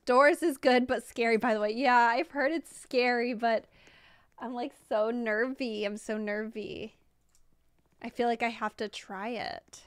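A young woman live-streaming a game, gushing with excited exclamations as she chats to her viewers. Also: on the high side, clear, resonant tone, dry recording. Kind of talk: live gameplay stream chat.

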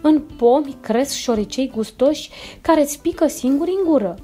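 Woman voicing a sly scheming she-cat, coaxing, storybook, mellow voice, soft music. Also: high-pitched, animated, voice pushed up.

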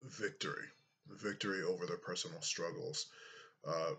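A YouTuber in his thirties talks to his webcam from a small room in a casual vlog. His deep voice sounds pushed and bright, with fairly even intonation, and he speaks unhurriedly and thoughtfully, using many fillers.

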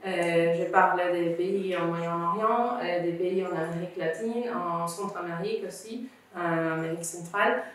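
A woman's voice: fairly low pitch, steady tone, moderate pace, slight background noise. A woman from Venezuela, a guest in an interview, earnestly explaining things step by step. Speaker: guest, founder of a refugee student association. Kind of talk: conversational interview. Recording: echoey room, distant mic.

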